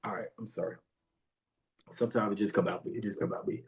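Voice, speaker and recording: A man hosting a podcast who tells a story in a casual monologue, animated, repeating phrases and jumping high when he quotes himself. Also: fast talker. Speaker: podcast host.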